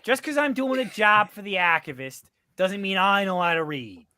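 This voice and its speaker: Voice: mid-range voice, expressive, moderate pace, pushed and bright. A game master doing a brash Boston crook. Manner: brash, argumentative. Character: scrappy male Boston crook, starving-artist husband, communist.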